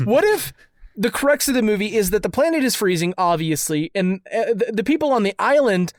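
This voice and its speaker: A podcast co-host chatting casually, often interrupting to question and steer the pitch. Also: animated, a little fast, dry recording, clean studio sound. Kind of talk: casual comedic chat.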